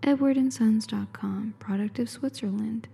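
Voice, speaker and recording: A woman in an intimate ASMR whisper, close as if right in the listener's ear, calmly describing and reading aloud without hurry. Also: fairly high pitch, moderate pace, creaky, breathy edge. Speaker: ASMR host.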